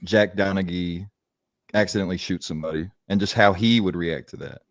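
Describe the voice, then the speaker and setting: Man, lowish voice, dry close sound, deadpan podcast jokes. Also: fairly quick, no room sound. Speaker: podcast co-host. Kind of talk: casual podcast banter.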